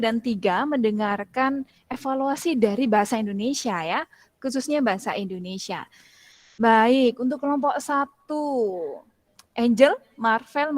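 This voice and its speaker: A woman's voice: a little high, dry recording. A woman teacher giving students spoken feedback in an online class, often ending phrases with tag questions. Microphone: video call.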